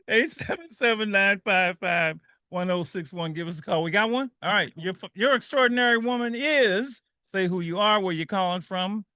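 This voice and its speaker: A man hosts a call-in radio show with animated energy, repeating himself and laughing easily at a moderate pace. His high voice is bright, ringing and smooth. Recorded on a studio microphone, the sound is close and dry with no echo.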